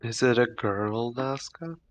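A man's voice: mid-range voice, slow. A man new to the game, chatting in an easygoing way with friends over voice chat. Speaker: new player in the game group. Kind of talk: casual gaming chat.

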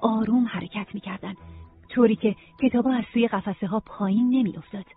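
An audiobook narrator reading a novel in an even, steady storytelling manner. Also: mid-range voice, husky, faint music behind. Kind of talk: scripted narration. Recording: tinny phone-like sound.

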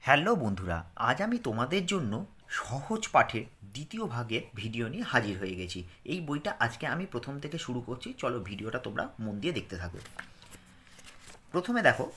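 A man teaches a reading lesson to young children. His voice moves up and down a lot as he reads each line slowly and clearly, then hurries through his explanations. The tone is bright and clear. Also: medium pitch, big pitch swings.

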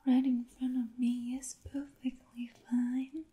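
Gentle young princess played by a woman, Vietnamese accent, whispered role-play; very slow, breathy, extremely soft and mellow delivery. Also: sits high, little pitch movement. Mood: gentle, attentive. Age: young adult. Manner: slow, soothing, attentive, halting short phrases.

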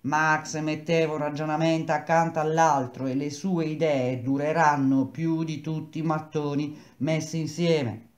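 A woman's voice: deep voice, fairly even intonation, measured pace, hardly any pauses. A woman voicing a stubborn, earnest bricklayer husband who explains things in an echoey room. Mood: explaining.

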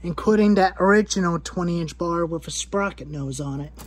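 In a brisk, lowish voice, a twentysomething chainsaw hobbyist rambles through her saw parts in a cluttered garage, listing pieces and repeating herself for a workshop show-and-tell vlog.

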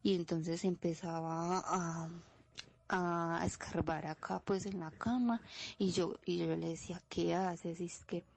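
A woman's voice: on the low side, steady tone, measured pace, creaky. A woman telling a personal paranormal story in a casual way, with many "pues" fillers. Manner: plain storytelling, fills with "pues".

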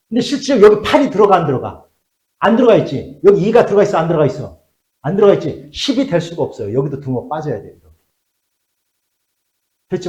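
A middle-aged man teaches math in a classroom. His pitch rises and falls a lot as he checks whether the students follow. The room around him rings with echo. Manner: lively, asks checking questions, drops to mutters while writing. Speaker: math tutor.

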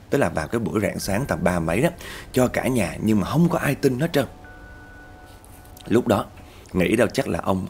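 A man hosts and narrates a spoken ghost story in a chatty way, talking straight to listeners and calling them "các bạn." His pitch rises at tense moments. His voice is gravelly and a little mellow, with slight background noise.

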